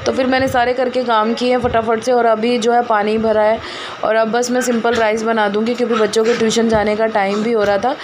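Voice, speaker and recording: Fairly quick and chatty, a hoarse thirty-something housewife with a cold and cough rambles through her daily vlog, filler words everywhere, her voice held at a narrow, steady, highish pitch. She films indoors in her kitchen on a phone camera, first selfie-style, then set up across the room. A running pump motor fills the noisy recording.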